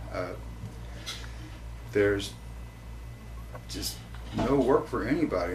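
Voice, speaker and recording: Weary man, low flat voice. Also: slight background noise, rough recording. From Ohio. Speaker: interviewee.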